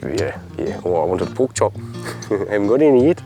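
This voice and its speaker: A man's voice: fairly low pitch, sing-song, normal speed. A man with a broad New Zealand accent chatting casually outdoors on a hunt, in laid-back rural slang and short phrases. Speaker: local pig hunter and guide. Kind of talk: casual chat while hunting. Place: outdoors in bush and grassland. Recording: music over outdoor field recording.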